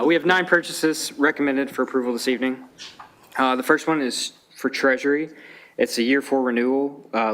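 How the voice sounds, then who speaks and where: Male finance officer, businesslike council read-out of figures. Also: mid-range voice. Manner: steady, businesslike listing of figures. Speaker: city finance officer reading purchases. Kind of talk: formal meeting read-out. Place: city council chamber.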